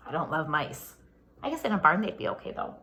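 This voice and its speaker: A low-pitched woman reads aloud from a picture book for little kids. Her delivery is lively and singsong, and like a pre-K teacher she pauses now and then to pose questions.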